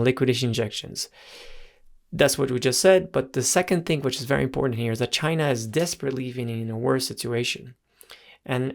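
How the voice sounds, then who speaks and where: A middle-aged man with a gravelly, fry-edged voice at a mid pitch hosts and talks through charts. He explains off the cuff, stumbles and restarts, and checks in with "right?" as he goes. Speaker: host. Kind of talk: explaining market analysis over charts.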